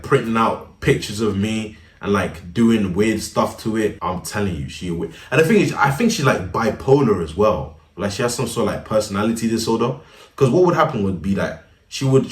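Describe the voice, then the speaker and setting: Young man, casual storytime narrator, very low voice, slangy and laid-back, set back from the mic. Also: far from the mic. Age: young adult. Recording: roomy, a bit off-mic.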